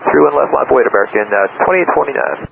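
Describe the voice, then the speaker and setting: A man's voice: mid-range voice, animated, quick pace, vocal fry, narrow, tinny audio. A man working as an airline pilot, making brief procedural calls to air traffic control over radio. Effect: aviation radio. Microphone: pilot's radio headset. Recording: thin, staticky cockpit radio transmission.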